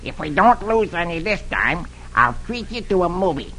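A man's voice: sits high, big pitch swings, normal speed, bright, forceful tone, slight background noise, pitched above the performer's own voice, exaggerated voice. A man reading as a confident uncle golfer.

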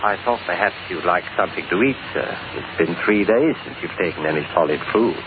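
A man playing a deferential, quietly controlled butler with formal, polite manners in an old-time radio drama. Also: deep voice, fairly quick, natural voice. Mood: deferential, attentive. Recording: tinny, noisy old radio recording.

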